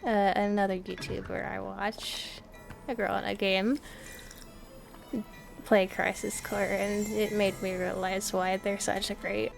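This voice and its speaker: A woman's voice: mid-range voice, level tone, measured pace, creaky, over music. A young woman playing a video game and chatting casually as a streamer, rambling and thinking aloud. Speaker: gaming streamer. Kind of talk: casual let's-play commentary.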